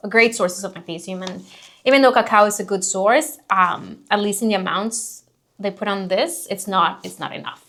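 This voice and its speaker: Woman, co-host, casual review chat, explanatory, filler-heavy, mid pitch. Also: moderate pace, fairly bright tone. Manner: explanatory, hedging with many fillers.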